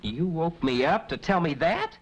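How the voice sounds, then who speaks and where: A man's voice: fairly high pitch, very animated, moderate pace, low-quality recording. An actor playing a sleepy, grumpy man woken at night, grumbling and unimpressed.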